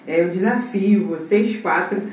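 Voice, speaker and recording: Brazilian woman, intensivist, emphatic, warm mellow tone, roomy distant mic. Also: medium pitch, unhurried, a little hiss or hum. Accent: Brazilian Portuguese. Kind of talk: casual podcast conversation. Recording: echoey room from far off.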